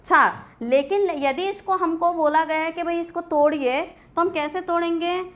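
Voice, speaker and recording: A woman's voice: extremely high pitch, steady tone, moderate pace. A woman teacher giving a classroom grammar lecture, asking questions and answering them herself. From India. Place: coaching class.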